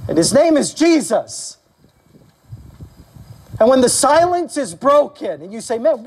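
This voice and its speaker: Animated male pastor preaching a sermon. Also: breathy edge. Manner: animated preaching, acting out quoted voices with rising pitch; asks the congregation questions and calls for amens. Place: church service.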